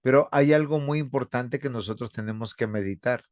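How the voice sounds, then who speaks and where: A man, a pastor teaching a seminary theology class, speaking in a measured, earnest way and addressing his students as brothers. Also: medium pitch, a little mellow, no echo, clean studio sound. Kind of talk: online theology lecture with class discussion.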